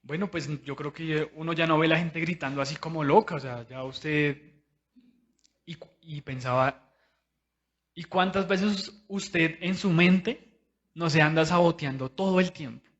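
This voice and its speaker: A man delivers a sermon in a personal, conversational way, turning often to speak straight to his listeners. His voice sits a little high for a man. The recording is dull and lo-fi, with the top end muffled. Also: measured pace, fairly bright tone. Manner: conversational, personal preaching, addressing listeners directly. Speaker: preacher.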